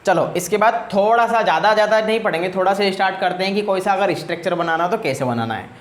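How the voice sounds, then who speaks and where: Male teacher, fairly high voice, patient repetitive classroom delivery, roomy echo. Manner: explains slowly, repeats each word. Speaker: Japanese language teacher. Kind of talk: classroom lecture.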